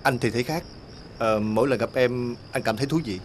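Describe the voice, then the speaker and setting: An actor playing a gentle, caring young man who speaks softly and calmly. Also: mid-range voice, fairly quick, a little hiss or hum, lightly acted. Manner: soft, calm and caring.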